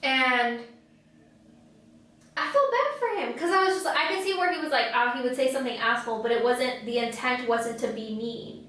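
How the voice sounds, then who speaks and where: On this podcast, a co-host with a voice on the high side sounds animated, pushed, and bright at a normal speed. She's chatty and rambling, sprinkling in plenty of "like," and the room is very echoey with the microphone set far off.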